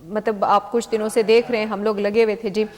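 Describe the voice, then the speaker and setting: خاتون میزبان، ٹھہر ٹھہر کر بولتی، لمبی گونج. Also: female voice, mid-range voice, level tone, darkish tone, long reverb tail. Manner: friendly, many fillers, affirming interjections. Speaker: host. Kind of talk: hosting a call-in health show.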